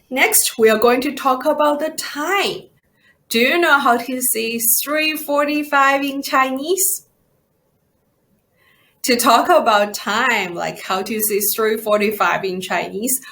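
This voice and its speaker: A woman's voice: high voice, fairly bright tone. A woman teacher leading a children's language lesson, speaking in simple, carefully enunciated instructions, questions and repeat-after-me drills.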